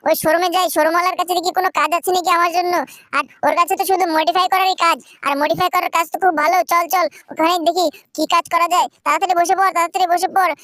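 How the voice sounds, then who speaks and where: A gaming channel host narrating a role-play game video in a bossy, repetitive, excitable way. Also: very high voice, rapid-fire, no room sound, clean studio sound.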